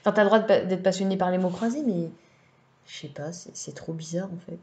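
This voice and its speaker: A woman with a mellow, warm voice co-hosting a casual book podcast. She makes easygoing, wry remarks and often lets her sentences trail off softly. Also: lowish voice, a little fast. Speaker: podcast co-host.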